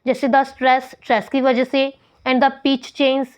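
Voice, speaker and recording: In an exam-prep grammar lesson, an Indian woman alternates between slow English reading and fast Hindi explanation. Her high voice barely shifts in pitch and sounds clear and resonant.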